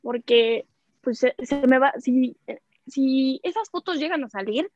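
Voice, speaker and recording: A woman's voice: sits high, a little slow, a little mellow. A young woman with a Mexican accent candidly telling a personal story in casual chat, rambling with many fillers. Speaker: podcast guest. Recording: dry, muffled lo-fi recording.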